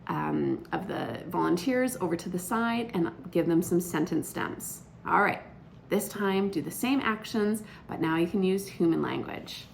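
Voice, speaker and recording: A woman who is an outdoor educator, explaining a classroom skit in a lively, instructive way. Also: lowish voice, a little slow, creaky, a little hiss or hum. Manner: lively, explanatory teacher talk. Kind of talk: instructional video for teachers.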